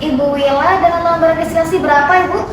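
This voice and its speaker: Echoey, high-pitched female customer service receptionist, acted by a woman. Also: steady tone, fast. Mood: polite. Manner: formal, polite customer service voice with scripted courtesies. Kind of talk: amateur role-play of customer service calls. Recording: very echoey, distant, noisy room.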